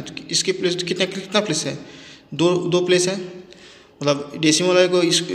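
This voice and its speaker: A man's voice: on the high side, a bit bright. A man teaching a maths lesson in speech, asking questions and answering them himself as he repeats each step. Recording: echoey room with long reverb.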